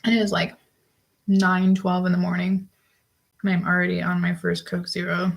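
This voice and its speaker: A woman's voice: lowish voice, completely flat delivery, normal speed, vocal fry, rough recording. A young woman chatting casually as she works on a sewing project, rambling with lots of fillers and out of breath. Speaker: sewing vlogger. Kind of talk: casual work-along chat.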